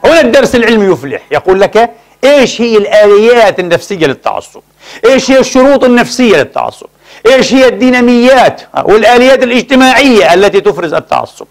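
A man's voice: high-pitched, expressive, quick pace. A man preaching a Friday sermon, emphatic, firing off rhetorical questions and repeating phrases as he addresses the congregation as brothers.

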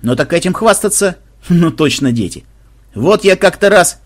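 A man voicing a gruff, loud, chatty tavern keeper in a fantasy audiobook. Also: high-pitched, animated, normal speed, voice pushed up. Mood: blustering.

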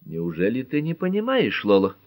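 A man's voice: mid-range voice, lively intonation, normal speed, no room sound, pitched above the performer's own voice, close to an everyday voice. Man voicing a prim, bossy society mother. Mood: stern, prim. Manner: stiff and disapproving. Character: prim domineering middle-aged mother.

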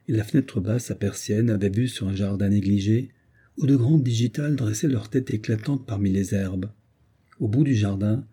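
A man narrating a classic novel as an audiobook, in a measured, steady reading. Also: fairly low pitch, breathy edge.

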